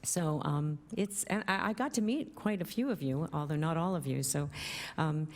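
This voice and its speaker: Woman, low voice, policy official, lecturing conference talk, some stumbles. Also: normal speed. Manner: lecturing, with restarts. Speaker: government policy official, speaker. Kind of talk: conference remarks.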